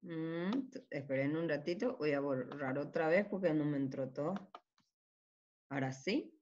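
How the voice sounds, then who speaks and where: A woman teacher giving a children's reading lesson, sounding out syllables carefully and often checking in with a quick question. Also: deep voice, a little mellow, dull audio, slight background noise. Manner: slow and deliberate, often checking with "¿sí?".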